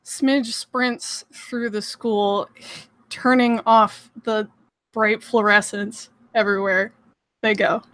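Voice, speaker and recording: Brief: female rpg player, very slow and smooth, close dry sound. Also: medium pitch, level tone, a bit bright, no room sound. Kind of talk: tabletop game play.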